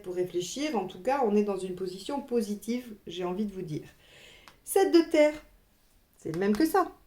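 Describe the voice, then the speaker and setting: A woman's voice: medium pitch, mellow. A woman giving a casual tarot reading, talking straight to her viewers with frequent little asides. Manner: chatty, addresses viewers directly, frequent "hein" asides. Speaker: tarot reader.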